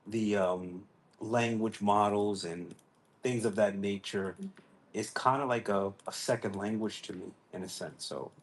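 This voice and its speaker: A man's voice: fairly low pitch, fairly even intonation, measured pace. A man in his forties chatting as a guest on an online call, meandering and hedging with lots of ums. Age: 40s. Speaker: guest, tech architect. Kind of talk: casual online group chat.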